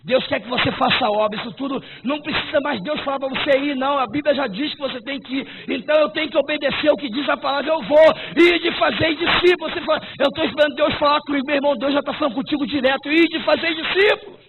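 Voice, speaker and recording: A high-pitched male preacher drives his sermon with fervent, shouted exhortations. The sound is thin and phone-like. A clear layer of noise sits under the voice. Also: quick pace, hardly any pauses. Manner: fervent, often breaking into shouts. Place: church service. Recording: tinny lo-fi recording with noise.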